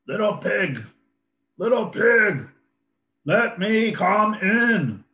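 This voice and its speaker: A sly, blustering big bad wolf from a storybook, put on by a male reader, pitched well above his usual voice. He booms out his threats and stretches the words slowly. The voice rings in a roomy echo. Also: very animated, bright, forceful tone, heavily acted. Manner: booming, drawn-out threats.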